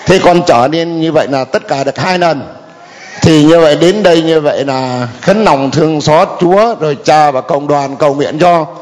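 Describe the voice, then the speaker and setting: An older man with a fairly high voice gives a spoken testimony, halting and hesitant, full of small pauses and fillers. His words ring out with a long reverb, as if he stands in a large church hall. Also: a little mellow.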